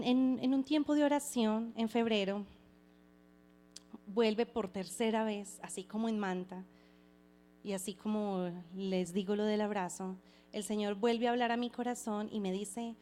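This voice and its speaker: A woman's voice: mid-range voice, fairly even intonation, warm tone. Earnest woman sharing a faith testimony. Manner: reflective and halting, with frequent restarts; earnest and heartfelt. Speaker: person giving a testimony.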